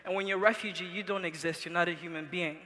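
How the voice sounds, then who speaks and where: Young man, earnest motivational speaker, bright tone, arena reverb. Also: sits high, steady tone, quick pace, a little hiss or hum. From Congo. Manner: earnest storytelling to a live audience. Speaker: event speaker. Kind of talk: motivational speech.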